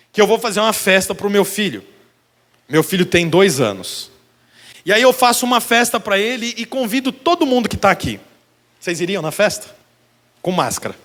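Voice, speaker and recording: A man's voice: sits high, a bit bright. A Brazilian pastor in his church, preaching a sermon and telling a vivid illustrative story straight to the congregation. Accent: Brazilian Portuguese. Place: church sanctuary.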